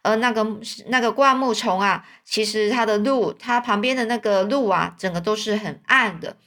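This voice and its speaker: A woman's voice: medium pitch, moderate pace, fairly bright tone, natural voice. A woman voicing a kindly, talkative old man in a storybook reading. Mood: storytelling. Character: kind old man, warm father.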